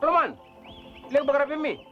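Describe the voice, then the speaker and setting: A bossy, bantering youngster played by an actor in an acted story, speaking Papua New Guinea pidgin with a Papua New Guinean accent. The delivery swings widely in pitch. The sound is dull and lo-fi, with music clearly behind it. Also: lively intonation, fairly quick. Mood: complaining. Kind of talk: acted Tok Pisin dialogue.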